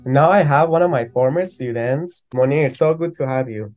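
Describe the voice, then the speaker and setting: A man's voice: medium pitch, moderate pace, darkish tone, faint music behind. A man in a mid-range voice hosting an interview podcast. He affirms his guests briefly and moves things along with simple questions. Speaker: podcast host. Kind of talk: casual interview.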